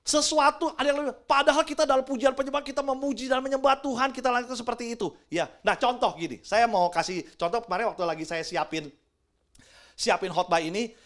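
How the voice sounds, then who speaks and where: Middle-aged male preacher, high voice; chatty church sermon that mixes in English words and keeps asking the congregation for agreement. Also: fast, a bit bright. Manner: keeps asking the audience "right or not?"; chatty, drops English words into his talk. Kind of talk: lively youth sermon. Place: church with a congregation, also livestreamed.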